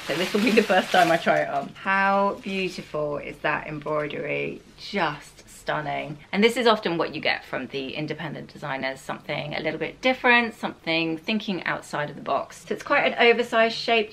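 A woman's voice: sits low, fairly bright tone, a little hiss or hum, poor audio. A woman in her forties from England, a fashion vlogger chatting enthusiastically to camera in a bedroom. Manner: chatty and enthusiastic, fond of "really, really". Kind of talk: casual chat to camera. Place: bedroom set, indoors.

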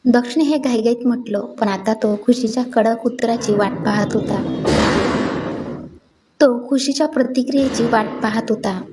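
A woman narrating a romantic story in a steady, even reading voice. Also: a little high, background noise.

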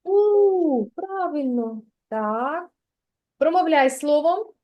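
This Ukrainian-accented preschool teacher speaks in a high, expressive voice as she patiently sounds out words for a child in a slow literacy lesson. The recording's highs are cut off.

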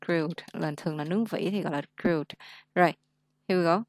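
A woman's voice: fairly low pitch, a little fast, no echo, studio quality. A young woman teaching an English lesson on a video call, chatty and laughing often, mixing English words into her explanations. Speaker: English tutor. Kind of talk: casual online lesson.

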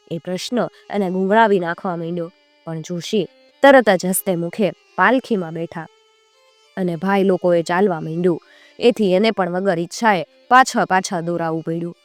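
A woman storyteller narrating a folk tale in a measured, expressive way. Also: mid-range voice, no echo.

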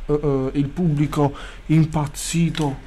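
A man streaming a sports video game, chatting casually, swearing freely and bursting into loud excited shouts. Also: fairly high pitch, slow, a little hiss or hum. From Italy. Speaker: gaming streamer. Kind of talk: casual gameplay commentary.

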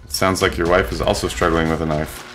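A man's voice: low-pitched, level tone, quick pace, over loud music. A man co-hosting a let's play, chatting in a dry, laid-back way while he plays. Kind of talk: casual gameplay banter.

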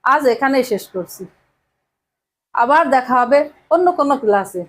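A woman's voice: sits high, expressive, normal speed, fairly bright tone. A woman from Bangladesh teaching vocabulary to her students, repeating each word and quizzing them as she goes. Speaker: English teacher. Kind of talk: vocabulary lesson addressing students.

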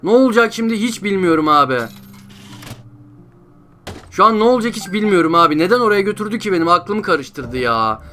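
A man's voice: high voice, quick pace, pauses often, pushed and bright, a little hiss or hum. A young man giving frustrated gameplay commentary, groaning and repeating himself. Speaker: gameplay streamer.

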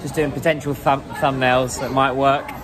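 A man's voice: mid-range voice, little pitch movement, normal speed. English man, 30s, rambling selfie vlog, crowd chatter all around. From England. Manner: chatty, rambling, laughs often. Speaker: vlogger. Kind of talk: casual walking vlog. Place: busy indoor food market. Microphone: phone at arm's length. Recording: noisy crowded market ambience. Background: crowd chatter and market noise.

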